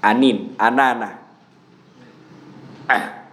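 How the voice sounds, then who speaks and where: A man giving a lively religious lecture, telling everyday stories and acting out quoted voices. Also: medium pitch, extremely slow. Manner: animated storytelling, acts out quoted voices. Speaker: preacher. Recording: echoey hall with faint ambience.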